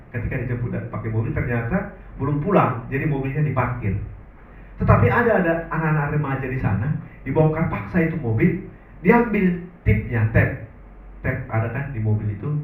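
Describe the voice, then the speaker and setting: A male pastor preaching a lively sermon, telling stories to his congregation and acting out the voices of the people in them. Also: medium pitch, a little hiss or hum. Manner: lively, acts out quoted dialogue, addresses congregation often. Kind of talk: sermon with storytelling. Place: church hall. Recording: very echoey church hall, distant mic.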